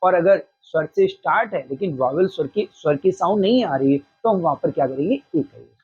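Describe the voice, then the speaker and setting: A teacher giving a spoken grammar lesson, who poses a question, answers it, and repeats key phrases slowly. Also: mid-range voice, expressive, a little mellow, breathy edge, soft background music. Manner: asks a question and then answers it; mixes in short English phrases. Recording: slightly dull lo-fi recording.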